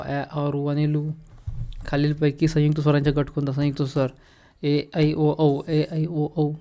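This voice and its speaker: A man's voice: fairly high pitch, dark tone, smooth. A male teacher, running through grammar quiz questions and repeating the answers to check them. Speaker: exam coaching teacher.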